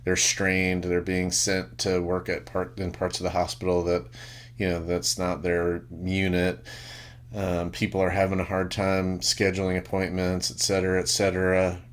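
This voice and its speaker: A man's voice: low voice, completely flat delivery, normal speed. A man co-hosting an unscripted podcast, rambling and ranting with frequent fillers and the odd curse word. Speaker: podcast co-host. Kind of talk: unscripted casual chat.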